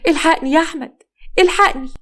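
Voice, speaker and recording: Lady doing a panicked egyptian young mom, high and loud, pleading fast. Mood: frantic grief. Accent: Egyptian Arabic. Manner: pleading, rising to a frantic cry. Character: grieving young mother.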